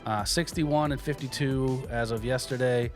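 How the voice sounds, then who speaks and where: A man's voice: medium pitch, steady tone, normal speed. Jokey man hosting over music. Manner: jokey, informal. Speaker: sports podcast host. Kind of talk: casual sports banter.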